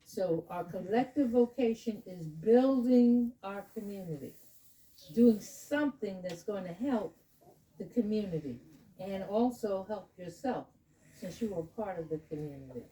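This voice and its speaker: A woman leading children in a home lesson, coaching them patiently with slow, drawn-out explanations. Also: mid-range voice, animated, dark tone, recorded from a distance, low-quality recording. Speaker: adult leading children in a candle lighting. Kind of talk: home teaching talk. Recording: voice from away from the mic.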